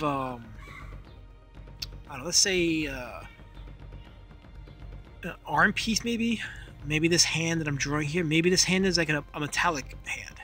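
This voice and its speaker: A man with a fairly high, clearly bright voice talks through his drawing off the cuff. He feels his way hesitantly from idea to idea, like a casual host working outdoors, with faint music behind him. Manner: hesitant, thinking aloud. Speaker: comic artist, video host. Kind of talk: casual unscripted drawing commentary.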